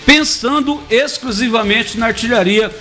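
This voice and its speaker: A man's voice: very high-pitched, normal speed, sharp tone, soft background music. A man from Brazil doing casual, joking sports talk as a radio commentator, teasing his co-hosts.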